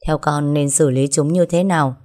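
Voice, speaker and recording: Cold female mob boss, read by a woman: harsh and commanding, low-pitched. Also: steady tone, normal speed, a little mellow, lightly acted. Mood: cool. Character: cold ruthless middle-aged female gang boss.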